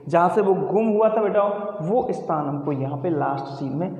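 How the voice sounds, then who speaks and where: Teacher, high voice, echoey room. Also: male voice, normal speed, a little mellow. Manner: calls students "beta", asks and repeats answers. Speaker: English teacher. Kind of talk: classroom lesson. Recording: echoey room with long reverb.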